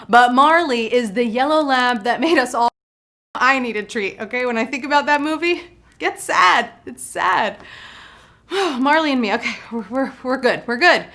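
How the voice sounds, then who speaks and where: A woman's voice: high voice, sharp tone. A woman hosting a live trivia game show, bubbly and jokey, cracking puns and talking to the players in the chat. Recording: faint music behind.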